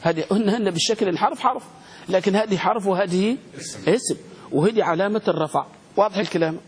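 Fields: Sex: male. Role: grammar teacher. Pitch: high. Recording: echoey room. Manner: questioning students, spelling words out slowly. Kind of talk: classroom grammar lesson. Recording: echoey room with long reverb, faint noise.

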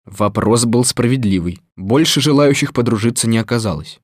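A man narrates a children's storybook in a mid-pitched, calm voice. His delivery is measured and steady. The recording is dry and close. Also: no room sound.

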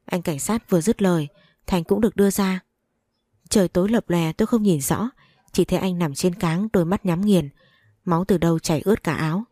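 A woman's voice: lowish voice, a little fast, mellow, no echo, studio quality. A woman narrating a first-person story in an earnest, emotional reading.

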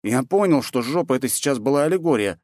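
A man's voice: mid-range voice, animated, fast, a little mellow, no room sound, pitched above the performer's own voice, natural voice. Guy doing a laid-back touchy young dude, teasing, dry close audio. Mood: puzzled. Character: easygoing young man, a bit touchy.

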